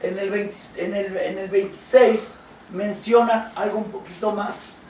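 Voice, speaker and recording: A man preaching a sermon. He reads scripture slowly and then explains it with questions to the congregation. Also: sits high, steady tone, darkish tone, roomy sound, distant mic, a little hiss or hum, low-quality recording. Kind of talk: sermon with Bible reading.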